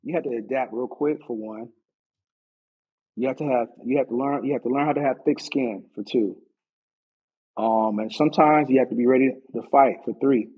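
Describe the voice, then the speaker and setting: This husky American man, a martial arts instructor from Orlando, Florida, talks at a medium pitch as a podcast guest sharing stories. His conversational delivery is halting, with repeated phrases and frequent "you know"s, and the sound is phone quality.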